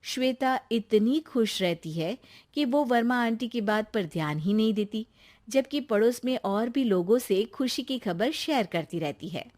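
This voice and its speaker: A woman narrates a scripted moral tale. Her voice is fairly high for a woman, and she tells the story as its narrator. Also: expressive, a little slow, a little mellow.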